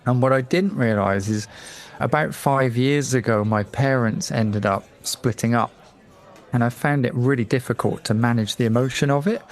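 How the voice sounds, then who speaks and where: Speaking at a normal pace with a medium-pitched voice, a middle-aged man from England shares a personal anecdote as a radio talk show guest. He tells it in a lively way, doing impressions of the people he quotes.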